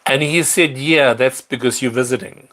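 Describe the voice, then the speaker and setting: A middle-aged South African man hosts a live stream from an apartment in a large city, casually chatting and answering viewer questions. He rambles with fillers and restarts, speaking at normal speed in a medium-pitched, slightly bright voice.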